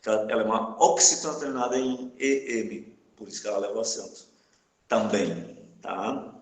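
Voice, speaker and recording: A man's voice: lowish voice, steady tone, normal speed. A man teaching a live class, who checks in with his students again and again. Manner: checks in often with the class, asking "tá?". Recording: echoey room.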